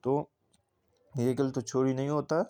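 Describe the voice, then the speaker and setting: A man talks through his match in a relaxed gameplay voice-over. His voice is warm and mellow, sitting at an ordinary middle pitch. He recounts each moment casually, often speaking straight to the viewers. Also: a little slow. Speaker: gaming channel creator.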